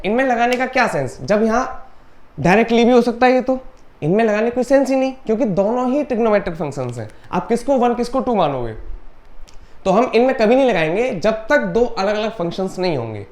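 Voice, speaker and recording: A woman teaching a maths lesson step by step. She explains patiently, mixes English maths terms into her sentences and reads formulas aloud slowly, word by word. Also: medium pitch.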